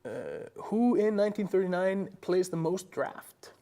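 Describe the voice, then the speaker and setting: A man's voice: high-pitched, fairly even intonation, moderate pace, mellow. A young man from Iceland hosting a casual live-stream Q&A, rambling with lots of fillers and restarts. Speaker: host.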